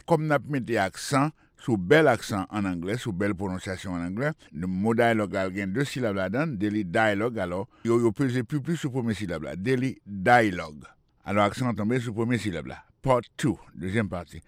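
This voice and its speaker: A man's voice: on the low side, dry recording. Guy doing a radio english lesson, spells words out, repeats stuff, dry close sound. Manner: explains words slowly, repeating and spelling them out. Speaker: radio English teacher and host.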